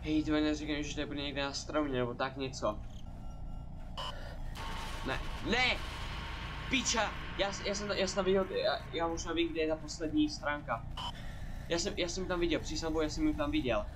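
A young man commentates his horror game live, swearing all the time and shouting whenever he gets spooked. His voice sits a bit high for a man. There is clear noise behind the recording. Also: fairly even intonation. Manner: swearing and yelling when scared. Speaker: gaming streamer. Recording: noticeable background noise.

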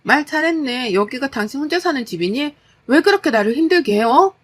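Woman reading a tired working wife, exasperated, scolding, a bit high. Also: expressive, a little fast. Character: exhausted working wife, fed up.

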